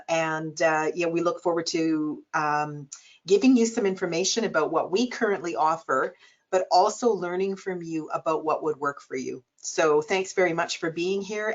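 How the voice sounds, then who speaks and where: A woman who directs a college program, welcoming attendees to a webinar in a friendly, hesitant way. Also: deep voice. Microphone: video call. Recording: dull lo-fi call audio.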